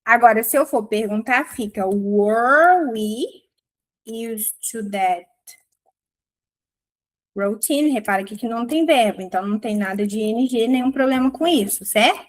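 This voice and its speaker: A woman gives a casual English lesson in a fairly high voice. She talks at an unhurried pace and is playful and theatrical, laughing often. She reads each English example slowly and carefully. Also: low-quality recording. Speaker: English teacher.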